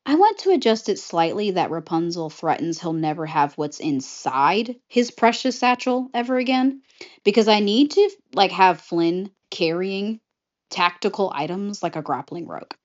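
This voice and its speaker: A woman in a casual, chatty retelling of her own movie pitch, slipping into short character voices. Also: lively intonation, normal speed, darkish tone. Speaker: vlogger pitching a film idea. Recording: slightly muffled lo-fi audio.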